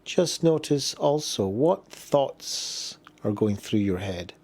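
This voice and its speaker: Speaking at a medium pitch with an animated quality, a man leads listeners through a guided body scan. He gives gentle instructions slowly, pausing between each phrase.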